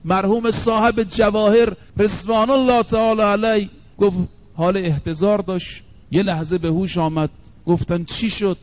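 A man, a cleric, preaching a sermon and slowing down to stress the sayings he quotes. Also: high-pitched, steady tone, poor audio.

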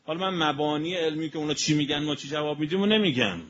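Guy preaching, slow careful explaining then quick bits, muffled lo-fi sound. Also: a little high. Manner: explains word meanings slowly and emphatically, then speeds up. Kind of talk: colloquial religious sermon. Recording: dull lo-fi recording with faint noise.

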